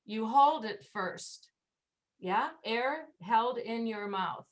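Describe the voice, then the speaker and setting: A woman's voice: a little high, lively intonation, very slow. A woman teaching English pronunciation in an online class, patiently demonstrating sounds. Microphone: video call.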